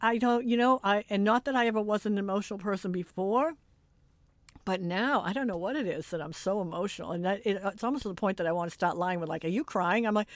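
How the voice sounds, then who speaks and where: A woman's voice: mid-range voice, fast talker, no echo. A middle-aged woman hosting a podcast, chatting candidly and emotionally as she wraps up an episode. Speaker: podcast host. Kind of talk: casual podcast wrap-up chat.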